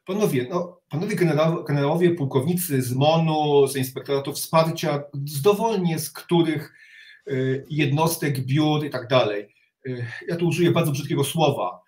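Here the guest is a middle-aged reserve army officer speaking from an indoor home study with bookshelves, positioned back from the webcam on an echoing, roomy video call. Slightly high and a little mellow, he halts and repeats words while offering blunt criticism.

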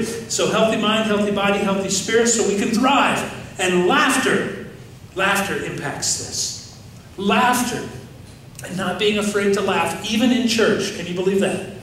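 Animated preacher in an echoing sanctuary. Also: male voice, high voice, slight background noise. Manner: animated, gesturing, asks the congregation questions. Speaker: pastor. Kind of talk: sermon. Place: large church sanctuary. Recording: very echoey sanctuary, distant mic.

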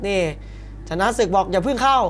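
A man's voice: high-pitched, brisk, a bit bright, soft background music. A man doing live play-by-play of a Muay Thai bout in punchy short calls with exclamations. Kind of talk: live sports commentary. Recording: broadcast with arena crowd noise behind. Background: faint fight-arena ambience.

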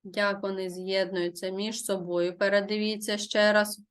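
A woman teaching a primary school language lesson. She speaks slowly and carefully, as in dictation, and asks questions that she answers herself. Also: medium pitch, little pitch movement, smooth. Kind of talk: online Ukrainian language lesson.

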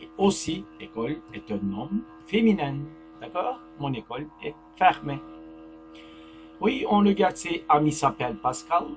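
A man teaching a French grammar lesson to young pupils, speaking slowly, repeating words and checking understanding with "d'accord?". His first language is Turkish. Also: a little high, big pitch swings. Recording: music and mains hum behind.

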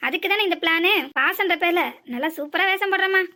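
Fast teasing village father-in-law. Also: extremely high pitch, sharp tone. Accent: southern Tamil, Tirunelveli area. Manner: teasing, mocking, quick.

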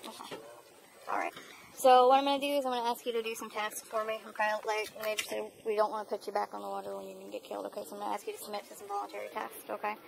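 A woman marine patrol officer questioning a boater at night, brisk and polite, recorded on a body camera on a small boat. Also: mid-range voice, little pitch movement, gravelly. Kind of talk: police boat stop on bodycam. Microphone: body-worn camera. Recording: noisy bodycam audio outdoors.

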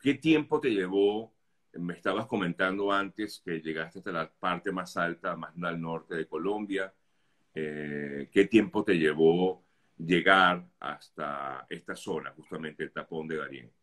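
Male interviewer, very low pitch; courteous, probing delivery. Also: unhurried, fairly bright tone. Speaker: journalist interviewer. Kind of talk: interview questions.

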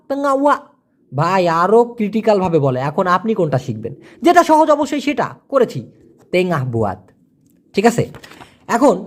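A language teacher, giving a casual spoken lesson and repeating example phrases slowly, word by word. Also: medium pitch.

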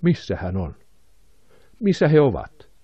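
A man's voice: mid-range voice, wildly swooping pitch, mellow, husky, dry recording, lo-fi sound, voice pushed up. A man voicing an anxious, emotional mother in an audiobook, his voice raised.

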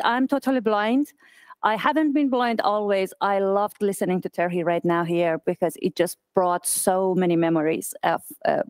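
A woman in her thirties who grew up in Iran gives a conference talk at an event, pausing often with fillers and restarting her sentences. Her voice is smooth and clear, with a middle pitch. The sound is dry. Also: darkish tone, no room sound. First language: Persian. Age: 30s. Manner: halting, many fillers and restarts. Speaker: accessibility specialist speaker. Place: office event space.

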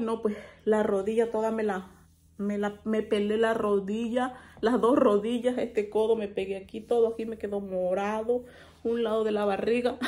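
Chatty woman telling a story at home. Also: high-pitched. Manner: animated, laughs often while telling a story. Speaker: family vlogger. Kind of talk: casual storytelling to camera. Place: small room at home, indoors.

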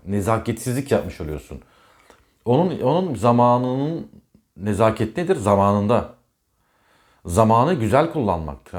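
Emphatic man lecturing on zodiac signs. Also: fairly low pitch. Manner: emphatic and repetitive, scolding the listener directly. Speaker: astrologer. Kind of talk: casual monologue on zodiac signs.

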